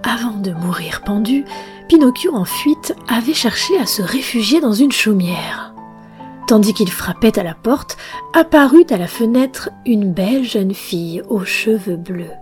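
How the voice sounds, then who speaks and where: A woman reads and comments on a classic tale in a soft, frequently whispered voice. She takes her time, letting each phrase settle at an unhurried pace. Faint music sits beneath her. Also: mid-range voice, lively intonation. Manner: soft, often whispered, measured delivery. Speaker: narrator. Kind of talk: read-aloud narration with commentary.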